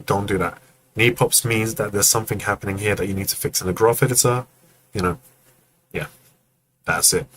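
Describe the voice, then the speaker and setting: A man's voice: lowish voice, fairly even intonation, a little fast, long pauses, a bit bright, slight background noise, poor audio. A man hosting a live stream, giving casual, friendly feedback on animation and acting out the movements as he explains. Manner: friendly, joking asides to chat.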